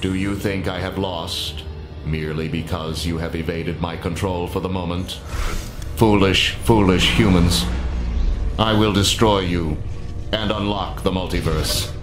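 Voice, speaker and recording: An actor voicing a menacing male alien machine overlord in a video game, with a robotic processed voice and cold, grandiose, slow proclamations. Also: sits low, fairly even intonation. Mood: scornful. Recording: roomy game audio over loud music.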